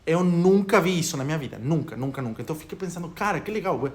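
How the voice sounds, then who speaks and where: Racing along with lively intonation, this young vlogger from Ecuador talks casually to the camera in Portuguese, his Spanish accent clear. His pitch is fairly high, and he rambles through his opinions.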